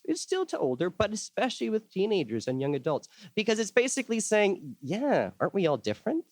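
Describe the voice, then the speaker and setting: A man who grew up in El Salvador gives an enthusiastic workshop talk, often repeating words as he thinks and acting out quoted voices. His voice is high-pitched and the recording has no echo.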